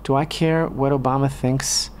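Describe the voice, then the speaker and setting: Fervent, indignant talk radio host. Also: male voice, mid-range voice, steady tone, moderate pace, a little mellow, a little hiss or hum. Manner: fervent, indignant, full of rhetorical questions. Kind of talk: impassioned talk radio commentary. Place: radio studio.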